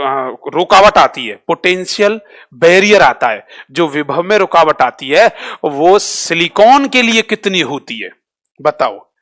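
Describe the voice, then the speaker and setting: Guy teaching online, keeps asking the same question over n over, bit high voice. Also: fairly bright tone. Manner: drills students with repeated quick questions; switches between Hindi and English terms. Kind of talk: live online class quiz.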